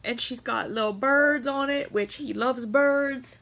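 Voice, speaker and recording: A woman's voice: high-pitched, a little slow, creaky, fairly bright tone. A woman vlogging at home as she opens a craft swap package, gushing and emotional, close to tears, with many laughs and exclamations. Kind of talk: casual chat to camera. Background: crinkling packaging and bubble wrap.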